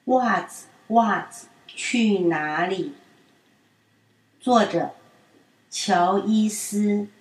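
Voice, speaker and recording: A woman reading children's stories aloud in a gentle storyteller manner. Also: mid-range voice, drawn-out words, long pauses. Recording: roomy and distant.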